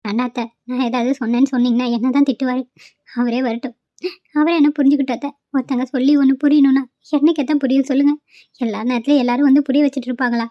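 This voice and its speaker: A woman's voice: high voice, flat delivery, rapid-fire, no room sound, lightly acted. A woman voicing a tearful, pleading young pregnant daughter-in-law in a cartoon, on a dull lo-fi recording. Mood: sad.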